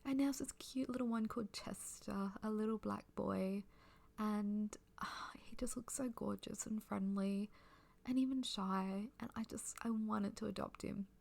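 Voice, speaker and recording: Soft, creaky, sleepy woman rambling in ASMR. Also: mid-range voice, steady tone, a little slow. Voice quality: soft, breathy, often near a whisper. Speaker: ASMR creator giving a personal ramble.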